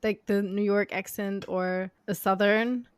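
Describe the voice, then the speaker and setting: A woman's voice: medium pitch, fairly even intonation, a little slow, clear, resonant tone, no room sound. Curious woman podcast host, dry sound. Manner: curious, frequent listening sounds. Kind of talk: casual interview.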